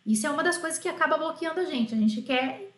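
A woman gives a French lesson in a high, bright voice that keeps coaxing her students along. She drills each phrase over and over and keeps nudging the class to repeat after her. The room adds a noticeable echo around her voice. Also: expressive, fast talker. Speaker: French teacher. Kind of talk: online language lesson. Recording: roomy echo.

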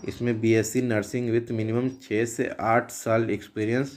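A man hosting a job listings channel, reading out job advertisements in a steady, list-like way, trade after trade and figure after figure. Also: medium pitch, a little slow.

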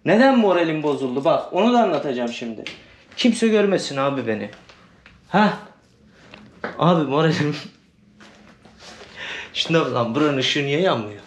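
Young male vlogger with an Adana accent, high-pitched and chatty, wry roadside commentary. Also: expressive, normal speed, long pauses. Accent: Adana Turkish. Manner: chatty, wry, slangy, swings to glum mutters. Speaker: hitchhiking vlogger. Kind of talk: casual vlog monologue. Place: outdoors by a busy road, later a hotel room. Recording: loud traffic noise outdoors.

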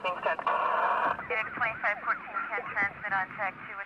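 A man's voice: high-pitched, little pitch movement, fairly quick, dull audio. Terse man over a crackly police radio. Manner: terse, clipped radio codes. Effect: police radio transmission. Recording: distant noisy police radio.

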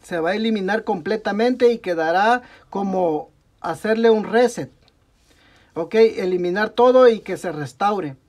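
Here a young Mexican man speaks in a high, slightly mellow voice at a measured pace, with the sound of a bench mic. He hosts a step-by-step repair tutorial at an indoor desk workbench, narrating hands-on work in a Mexican Spanish accent, with frequent "ok, amigos" and self-corrections.

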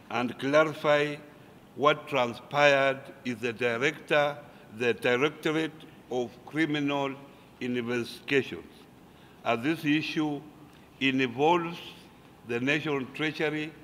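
A man delivers a formal statement at a press briefing, slow and measured, in an even mid-range voice. The sound carries a long hall reverb, with a faint hum of noise behind him. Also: medium pitch. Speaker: speaker for a governors' council.

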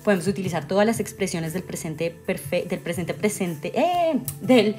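A woman's voice: on the low side, expressive, normal speed, darkish tone, soft background music. Patient Colombian woman teaching grammar. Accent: Colombian Spanish. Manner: patient, repeats and corrects herself often, checks in with "¿vale?". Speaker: English teacher. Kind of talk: explaining grammar in a video lesson.

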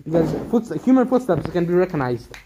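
A young man walks through a sprawling abandoned factory, filming on a handheld camera and chatting about what he sees. His high, sing-song voice moves a little fast, and there's background noise.

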